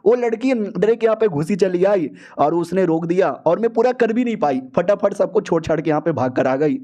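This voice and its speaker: A brusque, foul-mouthed cult leader woman with a raised, mellow tone, as a male storyteller puts her on. She snaps and scolds in a bossy way, and the voice keeps a soft, rounded warmth under the higher pitch. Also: expressive, a little fast, lo-fi sound. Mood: flustered.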